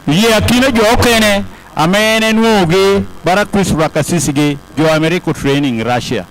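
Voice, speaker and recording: A man interprets a podium speech in a high voice. He relays it aloud, one short phrase at a time. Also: normal speed, a bit bright, poor audio. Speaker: consecutive interpreter at a ceremony.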